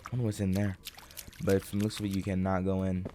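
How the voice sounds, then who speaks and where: A young man with a groggy morning voice giving rambling, halting commentary while playing a game, full of fillers and restarts. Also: low voice, little pitch movement, mellow, slight background noise. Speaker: gaming channel host. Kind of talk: casual let's-play commentary.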